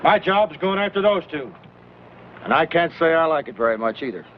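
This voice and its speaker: A man's voice: a little high, very animated, brisk, a little hiss or hum. An American actor playing an authoritative frontier lawman giving clipped orders in an old western film. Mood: steady, resolute. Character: commanding frontier lawman leading a posse. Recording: dull old film soundtrack with music.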